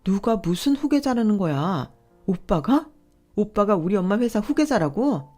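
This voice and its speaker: A woman voicing a furious young pregnant wife who scolds and shouts at her husband. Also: medium pitch, very animated, normal speed, soft background music, pitched above the performer's own voice.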